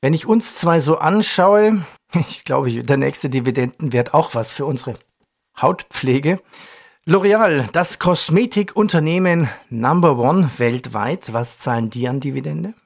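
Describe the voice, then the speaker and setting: A man's voice: a little high, animated, a little slow, creaky. A man hosting a finance interview, asking questions in a conversational, joking way. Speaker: interviewer, show host.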